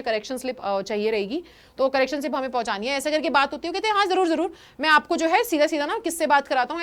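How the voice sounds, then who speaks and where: High-voiced woman teacher explaining a story. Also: a bit bright. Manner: reads English lines slowly, then explains in quick Hindi. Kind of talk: Hindi-English chapter explanation.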